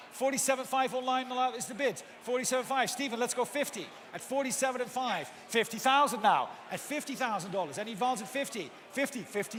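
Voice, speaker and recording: Guy auctioneer calling bids really fast, repeating numbers over and over, polite but pushy, big echoey hall w some background noise. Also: very high-pitched, a bit bright. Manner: repetitive, insistent chanting of numbers and bids. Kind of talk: live auctioneer bid calling. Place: large auction hall with bidders present.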